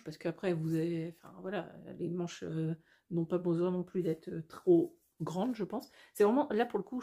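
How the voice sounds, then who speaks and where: A woman's voice: mid-range voice, warm tone, slightly rough. A woman hosting a casual step-by-step knitting tutorial, chatty and thinking aloud as she corrects herself.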